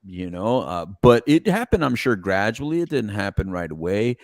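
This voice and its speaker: A middle-aged man hosting a podcast in casual chat, animated and rambling, laughing often as he talks. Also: lowish voice, normal speed, no echo, studio quality. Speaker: podcast host.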